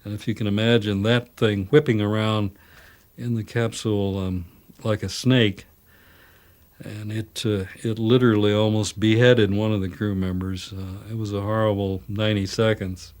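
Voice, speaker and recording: Grave, lowish man recounting. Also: flat delivery, moderate pace, darkish tone. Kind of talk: documentary interview recollection.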